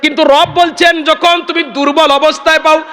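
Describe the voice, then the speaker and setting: High voiced guy giving a fiery sermon, bright sharp tone, long hall echo. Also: flat delivery, moderate pace. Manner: fervent, chanting Quranic verses, calls out to the crowd. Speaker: preacher.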